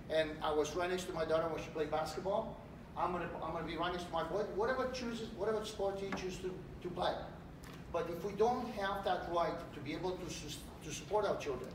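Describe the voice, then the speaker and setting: A middle-aged man from Romania, a political candidate giving an animated campaign speech in a large hotel meeting room. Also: sits high. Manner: animated, gesturing while speaking. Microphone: far camera. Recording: echoey room, distant mic, background noise.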